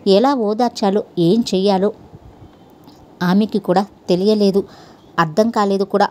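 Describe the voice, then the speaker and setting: A woman storyteller calmly reading a dramatic story in a measured way. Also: medium pitch. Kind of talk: scripted story narration.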